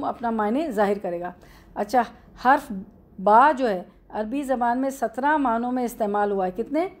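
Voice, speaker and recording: Woman teacher going through a grammar lesson, urdu accent, bit high-pitched, keeps asking and answering her own questions. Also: darkish tone.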